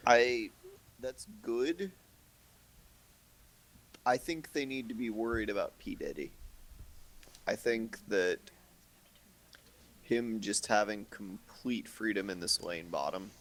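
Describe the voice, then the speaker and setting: A man giving measured, analytical co-commentary on a live video game match. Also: on the low side, lively intonation, fairly bright tone, low-quality recording. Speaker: esports co-commentator.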